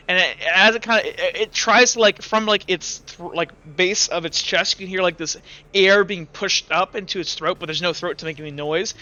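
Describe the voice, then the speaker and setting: A young man with a slightly high, sharp-toned voice serves as game master for a tabletop game, narrating in a rambling way packed with "likes" and "uhs." The mic sounds dull and lo-fi.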